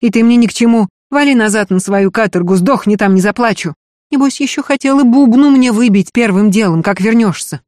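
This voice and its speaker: A man reading aloud, voicing a fiery, quick-tempered young woman who scolds at full voice. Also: very high voice, dry recording, studio quality, voice pushed up. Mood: furious. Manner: shouting, scolding. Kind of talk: audiobook reading.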